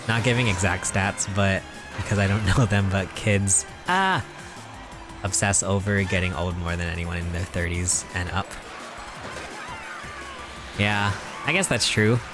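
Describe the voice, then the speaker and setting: A man's voice: sits low, expressive, slow, pauses often, over music. A man in his twenties chatting casually on a live stream while he games, rambling in a mock-serious, joking way and chuckling often. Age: 20s.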